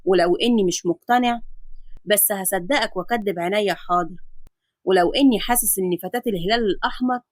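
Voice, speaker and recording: A man's voice: sits high, fast talker, no room sound, pitched below the performer's own voice, lightly acted. A woman voicing a jokey, prying young Egyptian man ribbing his coworker. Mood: joking. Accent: Egyptian Arabic.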